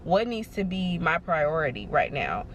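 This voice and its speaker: A woman's voice: low-pitched, sing-song, moderate pace, fairly bright tone, slight background noise. A woman vlogging in a casual, rambling way, encouraging her viewers and filling her talk with "like" and "you know". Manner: encouraging, reassuring. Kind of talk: casual motivational talk to camera.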